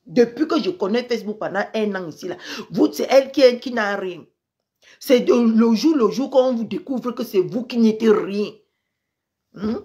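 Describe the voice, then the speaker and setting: A woman ranting on a live social media stream, upset and angry, repeating herself and swinging between loud outbursts and low mutters. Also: normal speed. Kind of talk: indignant Facebook live rant.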